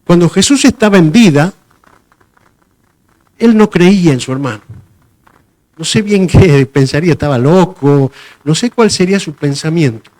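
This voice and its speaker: A man with a fairly high voice preaches a sermon in a loose, conversational manner. He often repeats himself and pauses to hunt for the right word. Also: expressive, darkish tone. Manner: conversational, repeats phrases and searches for words.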